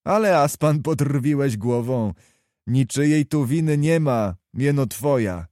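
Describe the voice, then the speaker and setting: A man's voice: mid-range voice, expressive, unhurried, dark tone, dry recording, clean studio sound, natural voice. A man voicing a stern older officer who speaks with impassioned, declamatory force. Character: stern older male officer, fiery patriotic orator.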